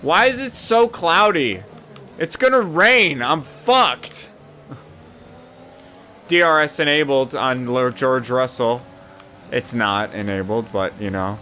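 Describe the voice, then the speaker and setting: A young man casually commentating his own racing game session, swearing often and rambling between excited yelps. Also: medium pitch, slow, pauses often, a little hiss or hum. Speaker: gaming YouTuber.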